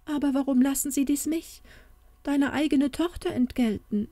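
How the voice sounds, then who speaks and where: A woman's voice: fairly high pitch, unhurried, warm tone, no echo, voice pushed up. A woman voicing a sad young woman who is the fairy tale itself, in a pleading, plaintive way. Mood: tearful.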